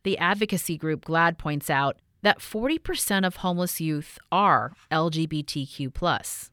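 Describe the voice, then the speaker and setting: A woman reporter reads a scripted news feature in a lower voice. Her pitch moves a lot as she reads. The sound is dry and close to the mic. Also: lively intonation, fairly bright tone, no room sound. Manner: measured, clearly read voice-over. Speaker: radio reporter.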